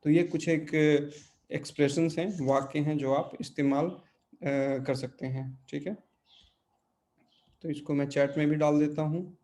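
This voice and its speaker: A man with a mellow, slightly high voice teaches a live online class. He explains step by step and keeps checking that the students follow. He sounds like he is talking into a computer mic on a video call. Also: steady tone, a little slow. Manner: explains patiently, often checks with "है ना?". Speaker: language teacher.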